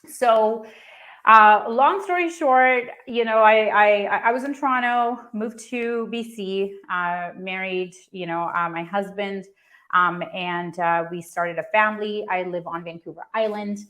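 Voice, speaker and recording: Her pitch is medium and her intonation fairly even, delivered at a measured pace with a bit of brightness. A thirties-aged Pakistani founder, she tells her personal story at a startup event, conversational and heavy on fillers and restarts.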